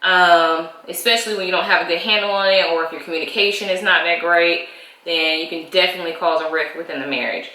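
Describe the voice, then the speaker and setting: Chatty bright-voiced woman vlogging in an echoey room. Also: fairly low pitch, fairly even intonation, fast talker. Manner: chatty, loose, with frequent ums. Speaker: co-host of a married-couple channel. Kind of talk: casual chat vlog. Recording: roomy echo.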